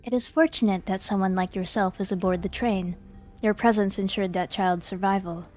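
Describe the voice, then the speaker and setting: 一位女性在游戏台词朗读中扮演冷静、正式而工于心计的女承包人，措辞严谨，背景有轻微音乐。. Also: female voice, medium pitch, fairly even intonation, a little mellow, lightly acted. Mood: composed. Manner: measured, formal phrasing. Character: formal, composed, calculating woman contractor. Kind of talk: dramatic live read of game dialogue. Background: faint music.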